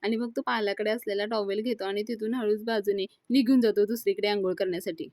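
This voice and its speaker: A woman recapping a TV serial episode, telling the story briskly and reading the characters' lines plainly. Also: mid-range voice, fairly even intonation, a little mellow, dry recording. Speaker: TV serial reviewer.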